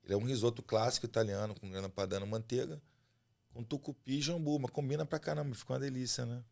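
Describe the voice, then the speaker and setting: A Carioca chef and restaurant owner from Rio de Janeiro, Brazil, is the easygoing, talkative guest in a casual podcast interview. His mid-range voice is creaky and he talks fast, often finishing phrases with a tag question.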